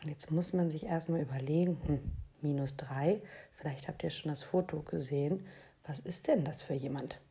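A teacher presenting a school book podcast for first graders and reading a children's book aloud in a clear storytelling manner. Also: female voice, deep voice. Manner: warm-hearted, slow, clear storytelling for young children.

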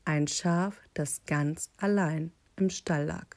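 A woman reading a children's picture book aloud, with calm, deliberate storytelling. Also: deep voice, creaky.

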